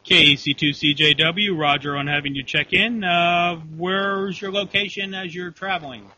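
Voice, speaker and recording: A man's voice: sits high, fairly even intonation, normal speed. A man acting as net control operator on an amateur radio storm net, speaking in formal, procedural radio phrasing. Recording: dull lo-fi radio audio, faint hum.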